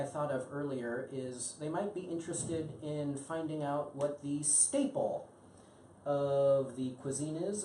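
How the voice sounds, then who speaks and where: A woman's voice: low-pitched, warm tone, far from the mic. An American woman teaching an interactive English lesson, encouraging and full of ums and mm-hmms. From United States. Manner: encouraging, lots of um and mm-hmm. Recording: echoey room, voice off-mic with faint hum.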